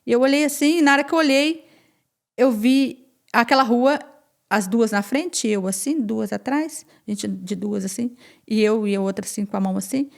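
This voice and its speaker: Animated woman telling a personal story. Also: a little high, moderate pace, vocal fry. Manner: animated, repeats phrases and acts out quoted speech. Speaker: podcast guest.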